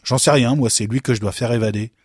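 A man voicing a deadpan intruder who pushes a wheelbarrow into a prison, speaking in a flat, matter-of-fact way. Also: mid-range voice, fast, breathy edge, dry recording, clean studio sound, voice pushed up, lightly acted.

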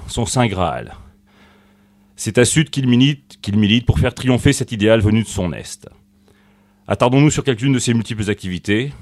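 A man's voice: lowish voice, darkish tone. A man from Corsica reading a written comic tribute on the radio, with a mock-solemn, ironic delivery, recorded in a radio studio. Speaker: guest columnist.

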